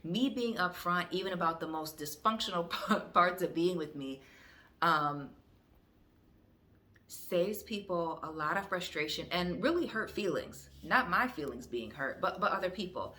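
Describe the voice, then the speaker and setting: Low, bright-voiced woman talking frankly. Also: animated, a little slow. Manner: frank and direct, with fillers and restarts. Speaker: vlogger. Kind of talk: candid reflective talk to camera.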